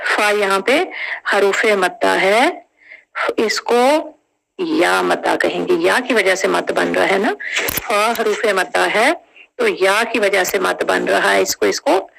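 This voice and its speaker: A woman teaches tajweed at a very unhurried pace, stretching each syllable out. Her voice carries a gravelly, fry-tinged texture. She explains step by step and keeps asking her listeners to confirm. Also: medium pitch, fairly bright tone, poor audio. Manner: drawn-out syllables, patient step-by-step explanation with frequent check questions. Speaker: Quran recitation teacher. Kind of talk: tajweed lesson, slow spelled-out recitation.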